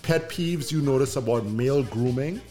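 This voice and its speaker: A man's voice: medium pitch, moderate pace, warm tone. A man interviewing someone in casual, informal, slangy conversation. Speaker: host asking questions. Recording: music behind the voice.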